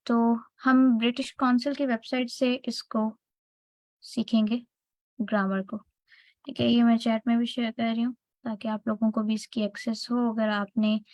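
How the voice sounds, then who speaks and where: A woman with a Pakistani accent leads an online lesson, talking through each point and stopping often to check that her students follow. Her voice sits a little high and sounds dry and close, with no room around it. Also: level tone, moderate pace, a little mellow, dry recording, low-quality recording. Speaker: teacher. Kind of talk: online class lecture.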